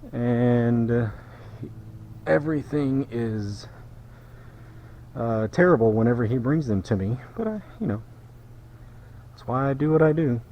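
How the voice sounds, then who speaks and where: Middle-aged man, lower voice, slightly winded, self-deprecating shop talk, faint background hum. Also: darkish tone. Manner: chatty, self-deprecating, jokey asides to viewers. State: out of breath from work. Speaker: car detailer. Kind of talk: casual how-to narration while working. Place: auto detailing shop.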